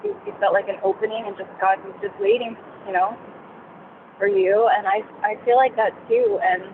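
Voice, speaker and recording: A woman's voice: mid-range voice, fairly even intonation, moderate pace. A woman on a phone call from her moving car, sharing casually with a group and rambling with many fillers and restarts. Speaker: participant in a women's discussion call. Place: driving in a car. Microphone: headphones on a call. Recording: tinny phone line with car noise.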